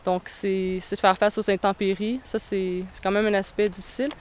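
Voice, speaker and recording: A young woman, answering interview questions thoughtfully, with frequent pauses. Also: medium pitch, level tone, a little mellow. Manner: thoughtful, hesitant, many pauses. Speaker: touring cyclist interviewee.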